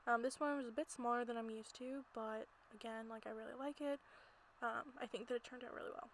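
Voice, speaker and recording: In noticeable background noise from her home closet setup, an amateur video maker rambles and giggles through casual gameplay commentary. She speaks fairly quickly in a high-leaning voice with fairly even intonation.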